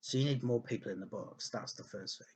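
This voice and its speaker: Man, very husky, mid pitch, rambling football analysis, hiccups, restarts. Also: brisk. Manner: rambling, thinking aloud with many ums and restarts. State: hiccuping and burping. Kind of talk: casual spoken analysis over slides.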